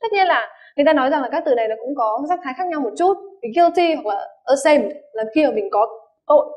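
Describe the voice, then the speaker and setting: A woman's voice: high-pitched, lively intonation, fast talker, darkish tone. A woman English teacher explains vocabulary, giving many examples and often checking that her students follow. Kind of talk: vocabulary lesson. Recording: dull lo-fi recording.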